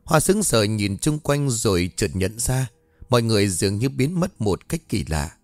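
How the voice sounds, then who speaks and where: A man narrating a dramatic story in a steady, measured way. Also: lowish voice, no room sound, soft background music.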